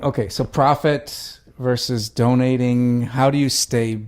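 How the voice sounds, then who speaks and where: A man's voice: mid-range voice, steady tone, measured pace, darkish tone. A man co-hosting a casual podcast interview, mostly chiming in briefly and asking questions. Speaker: podcast co-host.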